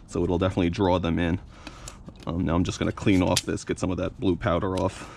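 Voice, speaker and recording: Talking quickly in a low, creaky voice, a young fishing host gives a relaxed hands-on demonstration at a workbench outdoors. He uses "you know" and "uh" frequently, and there's slight background noise.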